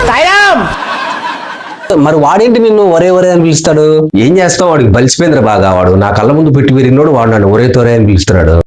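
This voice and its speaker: A man trading quick jokes in a comic question-and-answer skit, teasing with punchline replies. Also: on the high side, darkish tone. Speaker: comedian.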